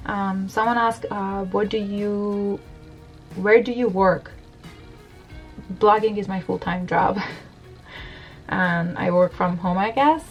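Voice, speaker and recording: Slow and given to long pauses, this woman speaks in a medium pitch with fairly even intonation, faint music behind her and poor audio overall. She is a beauty blogger from Iran in her thirties, chatting frankly with many fillers as she does her makeup for a get-ready-with-me Q&A filmed in her bedroom by a camera on her desk.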